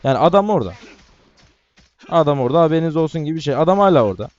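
Excitable man commenting on his game. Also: on the high side, racing, muffled recording. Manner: excitable, talks to teammates and viewers. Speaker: gaming YouTuber. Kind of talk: casual gameplay commentary.

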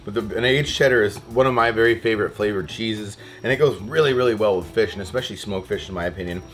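A young man rattles through a casual cooking vlog at a quick clip, his voice a touch low, chatty and rambling with frequent restarts. He is recorded on a close camera mic in a kitchen, with faint music underneath. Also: fairly bright tone. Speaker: fishing vlogger. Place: houseboat kitchen.

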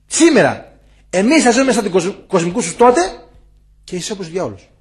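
An older man, an elder monk, giving an impassioned spiritual talk to visitors in a monastery guest room, moving from loud warnings to hushed asides. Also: high voice, very animated, a crowd in the background.

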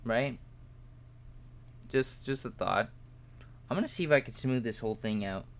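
A young man streaming live, rambling and joking at himself as he talks to his viewers while he models in 3D. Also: normal speed. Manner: yawning, low-key late evening.

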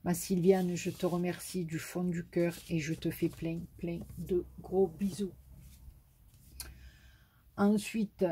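A woman's voice: on the low side, flat delivery, slow, long pauses, mellow, slight background noise. A woman with a southern French accent, a YouTuber chatting to camera as she shows greeting cards she was sent, effusive and full of fillers. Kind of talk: casual chat to camera.

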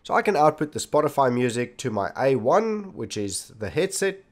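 This tech tutorial host has a medium-pitched voice with big pitch swings and a moderate pace, instructing viewers directly step by step while demonstrating on his desktop computer. The scripted-sounding narration comes through the computer's microphone indoors.

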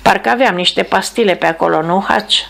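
A woman reading the lines of a male bomber captain who gives steady, commanding orders. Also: mid-range voice, gravelly. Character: man, a calm bomber captain giving orders.

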